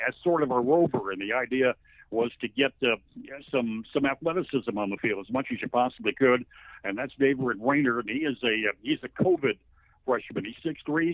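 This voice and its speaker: Over a thin, phone-like line with no echo, a medium-pitched American man who calls play-by-play chats about football in an interview. His style is folksy and talkative, full of storytelling, like conversational sports commentary.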